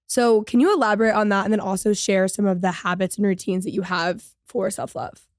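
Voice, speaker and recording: A young woman in her twenties hosting a podcast, speaking at a middle pitch and gushing with enthusiasm. She leans on "like" as she frames her questions. The recording is dry and close. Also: fairly even intonation, brisk, no echo. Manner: enthusiastic, gushing, many "like" fillers. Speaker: podcast host. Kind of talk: interview.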